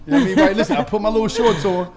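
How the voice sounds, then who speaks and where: A man hosting a podcast, telling a story in casual chat, animated and laughing, acting out his own scared voice. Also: high-pitched, racing, over a noisy crowd. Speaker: podcast host.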